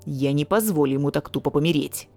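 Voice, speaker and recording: A woman voicing a blunt young man with a low, gruff, sarcastic voice. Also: lively intonation, moderate pace, a little mellow, soft background music, exaggerated voice. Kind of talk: audiobook character voice.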